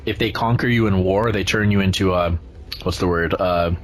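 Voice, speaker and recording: A man improvising tabletop game narration as game master, often searching haltingly for his words. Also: low voice, fairly even intonation. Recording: noisy room recording.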